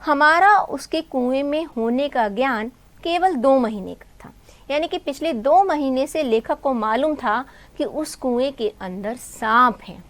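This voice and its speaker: A woman's voice: high voice, expressive, a little slow. A woman teacher who retells a textbook story for students, asking questions and answering them herself. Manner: calls students "beta" and "bhai". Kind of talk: explaining a textbook story in Hindi.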